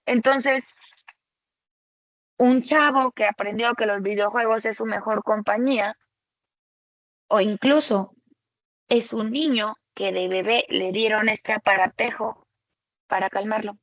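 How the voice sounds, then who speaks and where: A woman presenting a webinar lecture for tutors, explaining slowly and conversationally and often checking in with a rhetorical "¿sale?". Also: medium pitch, fairly bright tone, no echo, dull audio.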